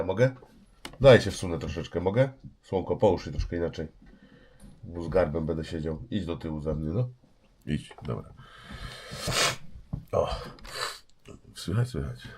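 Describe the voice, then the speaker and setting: A man with a low, rumbling, slightly mellow voice hosts a casual livestream from home, joking and greeting viewers by name. A cold has left his nose stuffy, and a little hiss or hum sits in the audio.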